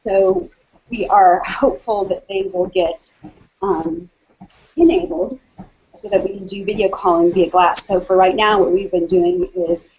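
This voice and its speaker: A woman's voice: medium pitch, unhurried, darkish tone, breathy edge. A woman hosting a casual video call chat, slightly out of breath from walking, talking with many ums and restarts. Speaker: hangout host. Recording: dull lo-fi video call audio.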